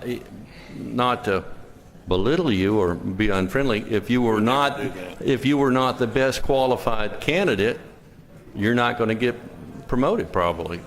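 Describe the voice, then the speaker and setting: A man explaining a bill as a state senator in a deliberate, halting, conversational way. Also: medium pitch, a bit bright, a little hiss or hum. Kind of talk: informal legislative explanation. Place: large legislative chamber. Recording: long echoing hall reverb.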